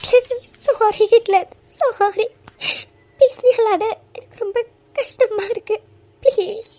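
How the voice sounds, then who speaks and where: A performer voicing a young injured wife in a cartoon love story, soft, pleading and apologetic. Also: very high voice, fairly even intonation, takes it slowly, heavily acted. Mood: tearful pleading. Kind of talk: cartoon voice acting.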